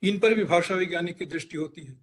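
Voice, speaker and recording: A man, a linguistics expert, explaining pronunciation in a deliberate teaching manner, spelling out and repeating his examples. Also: high voice. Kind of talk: explanatory career talk.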